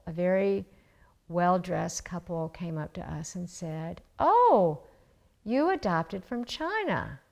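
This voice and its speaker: A woman, an adoptive mother, telling a personal story in an interview in a reflective, measured way with pauses. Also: lowish voice, vocal fry.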